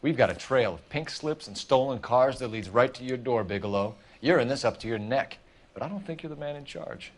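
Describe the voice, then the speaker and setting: A man's voice: mid-range voice, lively intonation, fairly quick. An American man acting a stern, threatening 1940s police detective in a crime game, terse as an interrogator. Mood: stern, pressing.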